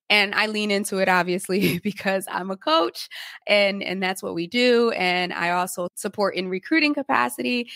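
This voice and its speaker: A woman's voice: medium pitch, gravelly, fairly bright tone, dry recording, clean studio sound. A woman, a leadership coach who grew up speaking Haitian Creole, talks earnestly and reflectively on her own podcast. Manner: earnest, reflective, repeats words when restarting. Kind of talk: solo podcast talk.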